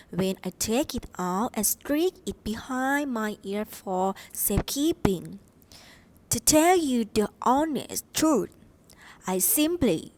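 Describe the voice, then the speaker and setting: A Thai-accented woman playing a boastful, gum-obsessed girl in a student stage play, bragging slowly and proudly. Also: fairly high pitch, rough recording.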